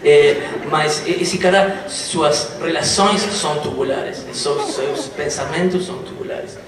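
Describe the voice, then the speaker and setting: A man, a native Spanish speaker with a Spanish accent in Portuguese, tells comic stories between songs as a musician on stage, haltingly searching for words. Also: on the high side. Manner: halting, groping for words in a second language. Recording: distant, very echoey live hall, faint noise.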